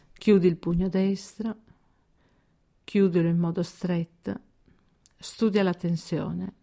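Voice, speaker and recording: In a scripted narration, a woman leads a progressive muscle relaxation exercise with calm, measured instructions and deliberate pauses. Her voice sits fairly low.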